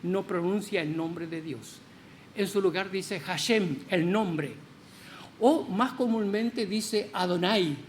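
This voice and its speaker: A man's voice: fairly high pitch, a little hiss or hum. A man preaching in church, explaining scripture with many rhetorical questions and stressed words. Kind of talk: sermon.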